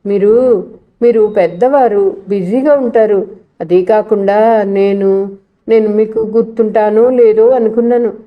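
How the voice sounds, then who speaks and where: A woman's voice: mid-range voice, fairly even intonation, measured pace, lo-fi sound, natural voice. A woman voicing a timid young woman. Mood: pleading.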